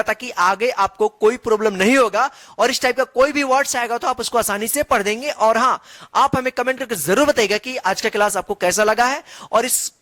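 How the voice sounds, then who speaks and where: A man teaching English reading as a class lesson, spelling out letters slowly and patiently asking the class to repeat each word. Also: extremely high pitch, a bit bright, no echo. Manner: patient, drills words and asks the class to repeat.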